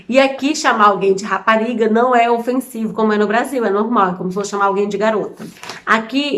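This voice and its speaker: A Brazilian woman in her thirties with a Brazilian Portuguese accent, chatting casually to camera as a vlogger, amused and full of examples. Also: mid-range voice. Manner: chatty, amused, explains with many examples and restarts. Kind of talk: casual explainer chat to camera.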